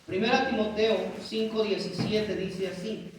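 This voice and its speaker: A guest pastor, a man with a high voice, preaches emphatically and keeps calling his congregation brothers. He is picked up from a distance, with heavy echo and faint room noise around him. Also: fairly even intonation, unhurried. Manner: emphatic preaching, often addressing listeners as brothers. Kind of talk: sermon. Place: church hall.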